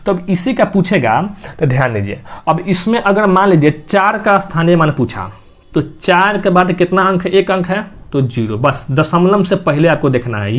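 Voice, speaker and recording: Man, maths teacher, fairly high voice, step-by-step explaining. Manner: explains step by step, asks and answers own questions. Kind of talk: classroom lesson.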